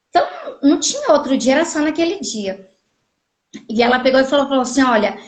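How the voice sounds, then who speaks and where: High-voiced woman from Goiás telling a story. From Goiás, Brazil. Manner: animated, acts out quoted dialogue. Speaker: guest telling her story. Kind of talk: casual storytelling on a live stream. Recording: echoey room audio from a live stream.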